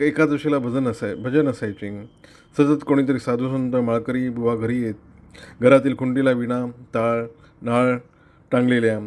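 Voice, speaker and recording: A middle-aged man from western India narrates a personal essay at home. His voice is earnest and measured, reading each line reflectively. Now and then he stumbles over a word and starts it again. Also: mid-range voice. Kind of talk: read-aloud narration.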